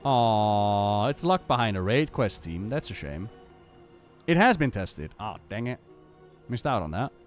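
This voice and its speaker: Guy streaming a game, chatty, voice goes all over, thinking out loud, faint music behind. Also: fairly low pitch, sing-song. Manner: halting, thinking aloud, repeating words. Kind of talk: casual live gaming commentary.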